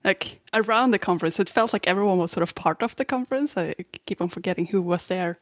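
A woman's voice: medium pitch, fast. Friendly woman co-host asking questions, casual and chatty, dry mic, no echo. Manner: upbeat, friendly interviewer. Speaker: podcast co-host. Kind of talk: casual chat.

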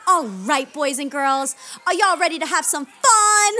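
A woman's voice: high-pitched, lively intonation, measured pace, noisy background. A woman playing a bubbly children's party clown who hosts in singsong puppet-show patter to children. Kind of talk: exaggerated children's entertainer performance.

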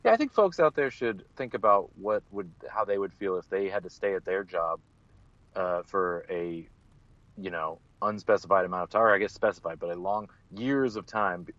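A man co-hosting a casual sports chat by phone from a parked car, rambling and laughing easily, his voice thin with no bass. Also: animated, moderate pace, a bit bright, dry recording. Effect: thin phone-line sound with no bass. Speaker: co-host. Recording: dull dry phone line.

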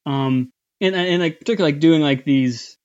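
A man chatting as an interview guest, his voice sitting a bit high and his speech halting, full of fillers and restarts. The recording sounds dull and lo-fi. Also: darkish tone. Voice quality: somewhat high voice. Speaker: voice actor guest. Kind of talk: casual interview chat.

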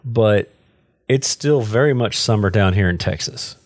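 A man's voice: lowish voice, a little slow, dry recording. Teasing male co-host, dry close sound. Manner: teasing, pushy, eating while talking. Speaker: podcast co-host. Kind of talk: casual banter. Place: Texas.

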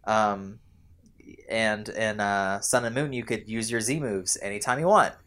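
A young man with a slightly low voice talks in a relaxed chat, grumbling with animated energy. He slips into quick mimicry of characters while he complains. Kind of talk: casual chat.

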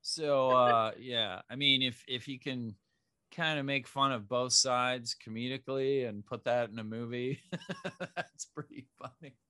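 A man's voice: mid-range voice, unhurried, sharp tone, clear, resonant tone, no echo. A man born in Zimbabwe, a filmmaker chatting casually in an interview, rambling with many restarts and fillers. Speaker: filmmaker guest.

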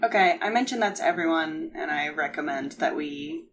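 Female tabletop player, slightly low voice, casual game chat, background noise behind her. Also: very animated, normal speed, vocal fry, fairly bright tone.

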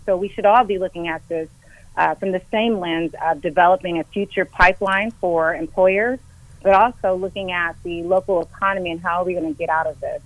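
A woman on a phone call that cuts in and out, explaining things in a measured way as a guest. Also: on the low side, steady tone, dry recording. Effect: phone call cutting in and out. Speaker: guest, county economic development director. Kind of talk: phone-in interview.

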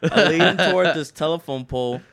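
Young man telling an animated story. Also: fairly high pitch, fast talker. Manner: animated storyteller, acts out quotes, swears. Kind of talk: casual storytelling.

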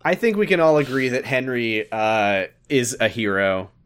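A man's voice: mid-range voice, moderate pace, fairly bright tone, slight background noise. A man co-hosting a casual podcast chat, dry in humor and steering the talk onward. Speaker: podcast co-host.

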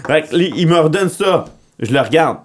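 A man's voice: fairly high pitch, moderate pace. A man with a Quebec French accent, co-hosting a podcast in casual chat, telling stories with lots of restarts. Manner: animated storyteller, stammering restarts. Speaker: podcast co-host.

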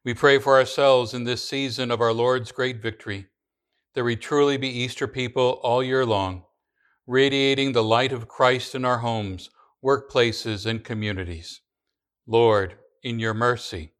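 Smooth-voiced man reciting church prayers. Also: medium pitch, steady tone, fairly bright tone. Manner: slow, measured recitation with small restarts. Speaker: pastor. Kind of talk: liturgical prayer reading.

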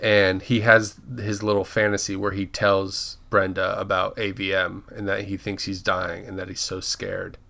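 A man's voice: sits low, monotone, normal speed, vocal fry, few pauses, bright, forceful tone. A man co-hosting a casual podcast, recapping a TV episode in a rambling way and often correcting himself. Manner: rambling, restarts and self-corrects names. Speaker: podcast co-host.

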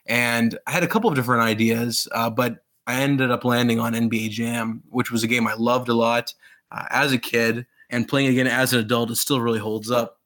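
A man's voice: mid-range voice, fairly even intonation, brisk, a bit bright. A man in his thirties who grew up in Pakistan, an author telling his story eagerly in a casual interview, rambling with fillers and restarts. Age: 30s.

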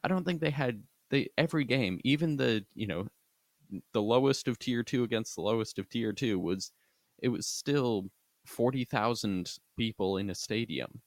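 A man's voice: mid-range voice, normal speed, no echo. A man co-hosting a casual sports podcast, earnestly arguing his view at length. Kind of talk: casual rugby talk.

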